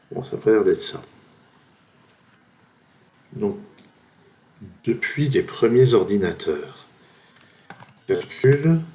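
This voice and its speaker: A French man thinking aloud, slowly trying one word after another while playing a word-guessing game at his computer. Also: lowish voice, darkish tone. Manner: slow, musing, trails off while guessing.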